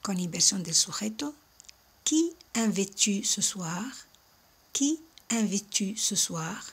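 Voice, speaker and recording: A woman teaching a French lesson, explaining grammar and slowly repeating model phrases for learners. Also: medium pitch, breathy edge. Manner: slow, carefully articulated model phrases, each repeated. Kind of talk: language lesson.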